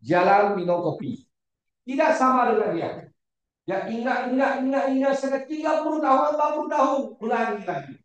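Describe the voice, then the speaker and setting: A man preaching a sermon to a congregation, repeating words and shouting for emphasis, often putting questions to his listeners. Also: very high voice, normal speed, slight background noise. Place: church hall. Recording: very echoey church hall, far from the mic.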